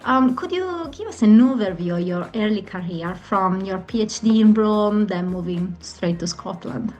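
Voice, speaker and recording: A woman from Italy hosting an interview, asking warm, encouraging questions about her guest's career. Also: medium pitch, lively intonation, normal speed, highs cut off, faint music behind. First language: Italian. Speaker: podcast host.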